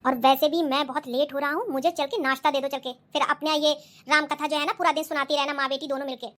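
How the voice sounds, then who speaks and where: A woman's voice: high-pitched, fairly even intonation, fast, a bit bright. A woman voicing an impatient young husband in a cartoon, scolding his wife with sarcasm. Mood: irritated. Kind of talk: cartoon voice acting.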